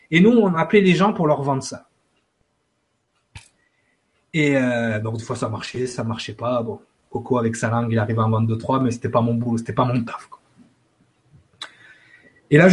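A man telling a personal story in casual talk, acting out both sides of the dialogue and dropping lower and quieter in the emotional parts. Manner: lively, acts out dialogue, repeats "j'ai dit".

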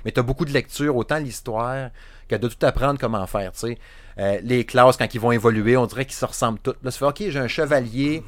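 A young man with a Saguenay Quebec French accent chatting casually about video games as a podcast co-host, animated and rambling, with plenty of restarts. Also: medium pitch, fairly quick, dry recording. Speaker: podcast co-host, game reviewer. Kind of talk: casual chat.

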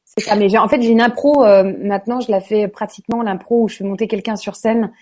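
A woman chatting as an interview guest, from France. She talks in a loose, hesitant way, full of fillers and restarts, at an ordinary middle pitch. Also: steady tone, quick pace, darkish tone. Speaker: guest, stage actress. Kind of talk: casual interview chat.

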